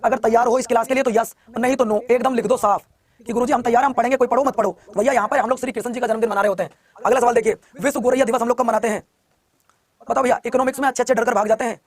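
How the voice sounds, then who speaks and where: A male online exam coach running a live class, firing questions at students, repeating each one and pushing them to answer quickly. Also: very high voice, fairly even intonation, dry recording.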